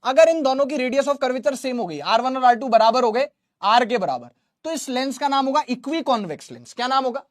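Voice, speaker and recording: A man's voice: very high voice, lively intonation, fairly quick, dry recording, clean studio sound. A man teaching physics in a live online class, joking with viewers' comments and drilling terms by asking them back. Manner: drills terms by call and response. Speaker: physics teacher for exam students.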